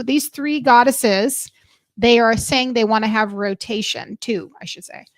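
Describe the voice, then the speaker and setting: A woman's voice: fairly high pitch, dry recording. A woman hosting an informal spiritual reading, moving between reading aloud and chatty, reflective asides, putting questions straight to her listeners. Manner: reflective, speaks to listeners directly with rhetorical questions. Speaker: spiritual reader and host of a weekly channeling show.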